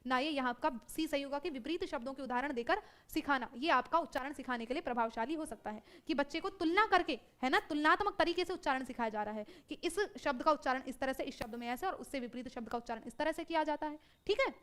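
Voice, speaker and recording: A woman teaching a live online exam-prep class, brisk and self-correcting, who keeps checking in with her students. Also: high-pitched, lively intonation, a bit bright.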